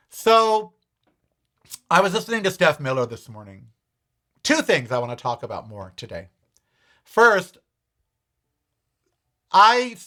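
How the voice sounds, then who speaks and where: A man in his fifties hosting a podcast, chatting candidly and emotionally with his viewers, swinging from loud exclamations to quiet, near-tearful asides. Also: a little high. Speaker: podcast host. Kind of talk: casual confessional chat to viewers.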